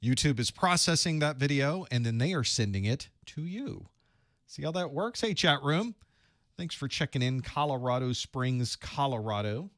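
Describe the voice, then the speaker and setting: A man's voice: mid-range voice, expressive, normal speed, fairly bright tone, dry recording, studio quality. Chatty man hosting a live study stream. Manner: chatty, greets viewers, thinks aloud while setting up. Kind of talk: casual live-stream chat.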